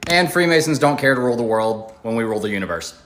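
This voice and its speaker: A man's voice: mid-range voice, animated, fast, noisy background. A man, a social media creator, casually telling his side of a story in a colloquial, matter-of-fact way. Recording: echoey room.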